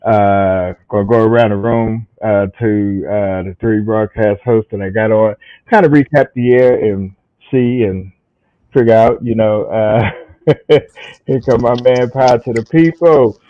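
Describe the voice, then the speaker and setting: A male host talks in an easygoing, meandering way, leaning on fillers and friendly asides. His voice sits in a middle pitch. The recording is dry and close, with a slightly muffled top end. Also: a little slow, dry recording. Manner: relaxed, rambling, many fillers and "man". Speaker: podcast host. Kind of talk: casual chat. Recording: dry, slightly dull sound.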